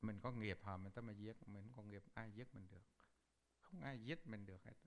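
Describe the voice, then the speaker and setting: A low, gravelly male voice preaches a Buddhist sermon. He tells a story with lively energy and slips into the voices of the people he quotes. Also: normal speed. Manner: animated storyteller, acts out quoted speech. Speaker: Buddhist teacher.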